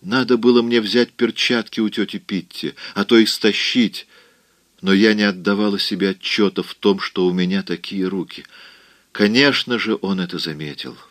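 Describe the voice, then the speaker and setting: A man voicing a proud, hot-tempered young Southern belle in an audiobook, with a sharp, mocking, coquettish delivery. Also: fairly low pitch, moderate pace, no room sound, natural voice. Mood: self-reproach.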